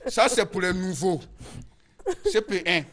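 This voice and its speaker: An Ivorian man tells a comic story as a village schoolteacher, with animated delivery and frequent laughs. His voice sits very high and sounds bright and forceful. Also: unhurried. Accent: Ivorian French. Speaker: comedian playing a village schoolteacher. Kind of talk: comic stand-up monologue.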